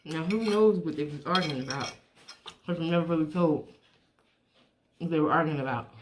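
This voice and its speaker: Woman chewing while she chats, lowish voice. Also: slight background noise. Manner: chewing while talking, with pauses to eat. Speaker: mukbang vlogger. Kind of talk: casual chat to viewers while eating.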